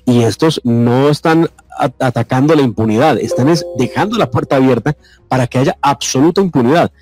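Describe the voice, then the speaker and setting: A man's voice: mid-range voice, a little fast, music in the background. A man giving firm, argumentative political commentary on a radio show.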